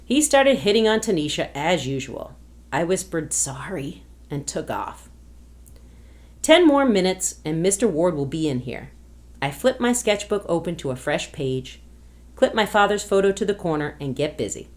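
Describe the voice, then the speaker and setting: A woman reading a novel aloud to a class as a guest reader, in an expressive storytelling manner. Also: on the low side, normal speed.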